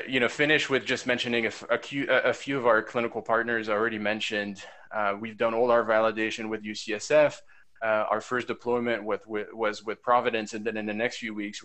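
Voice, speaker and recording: A man giving a business presentation as a startup presenter, with halting, hesitant phrasing. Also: fairly low pitch, pushed and bright.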